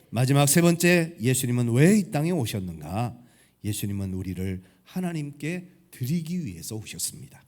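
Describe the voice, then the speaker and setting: A male pastor preaching a sermon earnestly, with emphatic repetition. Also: fairly high pitch.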